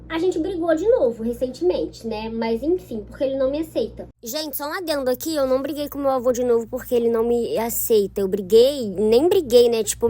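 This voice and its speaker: Chatty high-voiced Brazilian young woman. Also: dark tone, slight background noise. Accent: Brazilian Portuguese. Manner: chatty, keeps checking in with listeners. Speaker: vlogger. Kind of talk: casual storytelling to viewers.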